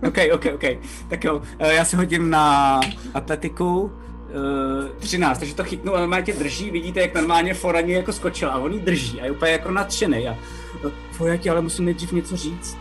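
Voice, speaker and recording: A man running a tabletop game as game master, narrating and voicing its characters in a lively way with many fillers and repeated words. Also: fairly high pitch. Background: background music.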